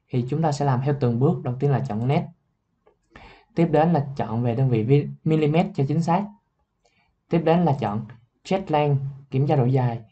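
Young man giving a halting student report. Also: mid-range voice, mellow, highs cut off. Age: young adult. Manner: halting, clears throat, some fillers. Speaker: student presenter. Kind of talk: explaining software in a class report.

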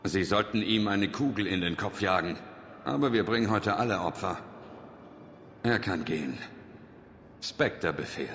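Casting: resolute sci-fi game commander, very low voice, stern and blunt, long reverb around him. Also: male voice, animated, normal speed, pauses often, fairly bright tone. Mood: curt. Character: hard, resolute male human military commander. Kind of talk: dramatic video game acting. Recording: reverberant, faint noise and ambience.

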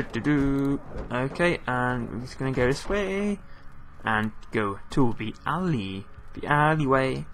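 Young man, British accent, medium pitch, casual gaming commentary, rambling, repetitive. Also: a little hiss or hum. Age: young adult. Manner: rambling, repeats himself. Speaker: gamer, let's player. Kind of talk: casual game playthrough commentary. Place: small home room indoors.

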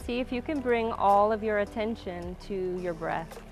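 Calm woman guiding a grounding breath exercise. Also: medium pitch, normal speed. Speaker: yoga instructor. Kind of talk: guided slow-flow yoga class. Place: outdoor waterside wooden deck.

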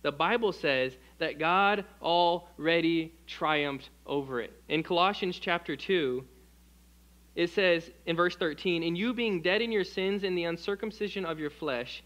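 A man's voice: on the high side, measured pace, fairly bright tone, muffled recording. A male American pastor preaching an evening sermon, asking the congregation questions and reading scripture aloud. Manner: acts out quoted voices with shifts in tone.

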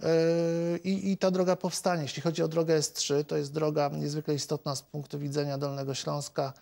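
Male MP, 40s, slightly high and flat delivery, lots of "er" fillers, studio lapel mic. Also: vocal fry. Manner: measured, hesitant, many filler sounds. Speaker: member of parliament. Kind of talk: televised political interview.

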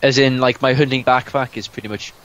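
A man's voice: medium pitch, steady tone, fairly quick, fairly bright tone, lo-fi sound, slight background noise. A man talking casually with a friend over a headset while gaming, laid-back and swearing casually. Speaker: gamer. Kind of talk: casual let's-play chat.

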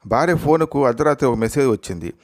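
A man reads short jokes aloud as the host of a joke channel, taking each line at an unhurried storyteller's pace and giving every part in his own plain voice. The voice sits in a middle register, recorded close and dry with no room sound. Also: medium pitch, animated, darkish tone, no room sound.

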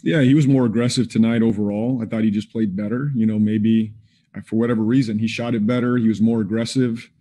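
Seated indoors against a team backdrop, this forties-aged basketball head coach answers postgame press conference questions via video call. He talks in a measured, plain way, leaning often on fillers, and his fairly low voice stays steady and mellow.

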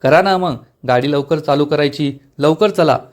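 A man voicing a quick-tempered young village bride, retorting in a slightly raised voice. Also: fairly high pitch, close to an everyday voice. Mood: snappy.

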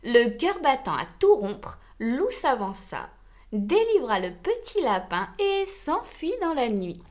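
A woman reading a children's storybook aloud, slow, expressive and gentle. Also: on the high side.

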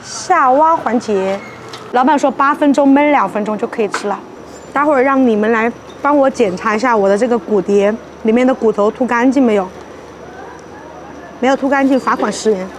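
A young woman with a fairly high voice hosts a casual eating vlog. She is playful and exclamatory, talking between bites at an outdoor restaurant table, with light street noise behind her. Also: normal speed. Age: young adult. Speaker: food vlogger and host. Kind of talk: casual mukbang chat to camera.

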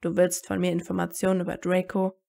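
A woman's voice: on the low side, monotone, a little fast, gravelly, dark tone. A woman reading as a wary, bitter teen wizard. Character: guarded teenage wizard boy, wary and bitter.

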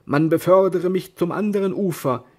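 A man doing Don Quixote, a pompous shouting knight. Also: high voice, normal speed, voice pushed up. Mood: grandiose. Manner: declamatory, shouting grandly. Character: lofty deluded old knight, pompous and fiery.

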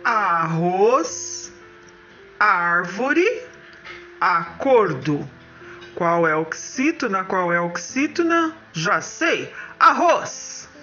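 Tom is an eager cartoon helper, voiced by a performer who talks slowly in a bright tone and swings his pitch widely. He repeats each option aloud while he thinks and then answers with delight. The sound is a little dull, with soft guitar music underneath. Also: very animated, heavily acted.

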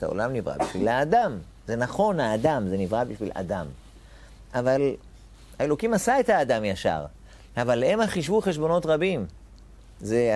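A man's voice: fairly low pitch, creaky, darkish tone. A man teaching a Torah lesson as a rabbi, posing rhetorical questions and repeating key phrases with emphatic rises on important words.

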